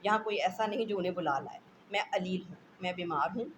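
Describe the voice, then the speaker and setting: A woman's voice: lowish voice, fairly quick, lightly acted. A woman reading the part of a sick husband complaining about the noise at home. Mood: irritable. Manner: complaining, exasperated. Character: sick, irritable husband in bed.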